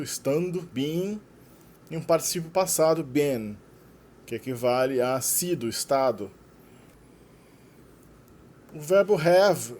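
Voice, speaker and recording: A man's voice: fairly high pitch, mellow, slight background noise. A Brazilian man whose first language is Portuguese, patiently explaining English verb forms in a lesson. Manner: patient, explanatory, reading out example verbs. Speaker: English teacher.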